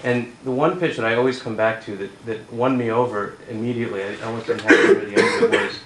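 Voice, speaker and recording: A man teaching writing, speaking on a conference panel in a halting, self-mocking way. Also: mid-range voice, a loud crowd. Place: conference room with audience. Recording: echoey conference room.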